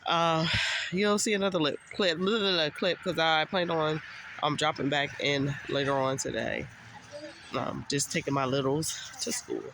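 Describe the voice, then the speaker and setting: A woman's voice: sits low, fairly even intonation, unhurried, creaky, a bit bright, a little hiss or hum. A woman with a congested voice, talking casually to camera in a rambling, exasperated family vlog, outdoors. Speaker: family vlogger.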